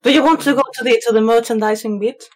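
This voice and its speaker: A woman's voice: on the high side, fairly even intonation, fast, darkish tone. A woman co-hosting a podcast in casual chat, wry and explanatory. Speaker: podcast co-host.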